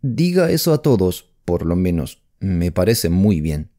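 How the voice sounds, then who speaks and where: A man's voice: sits low, sing-song, unhurried, mellow. A man reading an audiobook voices a nervous young English politician who speaks anxiously and pleads for help. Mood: hopeful. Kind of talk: audiobook character voice.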